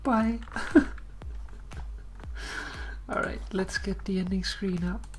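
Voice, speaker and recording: A woman hosting a gaming stream, chatting casually in a sleepy, relaxed way with soft laughs. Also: mid-range voice, slow, a little hiss or hum. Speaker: streamer host. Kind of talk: casual chat while gaming.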